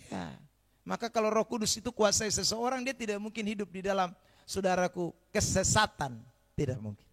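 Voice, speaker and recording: A man preaching a sermon as pastor, calling out to the congregation often and swinging from quiet asides to loud emphasis. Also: sits high, brisk.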